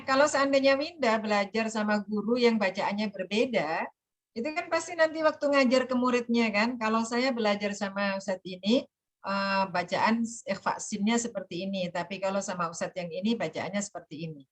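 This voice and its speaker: A woman lecturer on a video call, patiently explaining with examples and demonstrating recitation. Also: a little high. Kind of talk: online class lecture.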